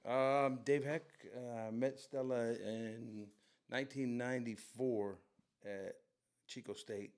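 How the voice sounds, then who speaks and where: A man's voice: mid-range voice, slow, smooth. A middle-aged man from Southern California, a guest telling stories casually in an interview and acting out quotes. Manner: relaxed storyteller, acts out quotes. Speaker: brand co-founder guest.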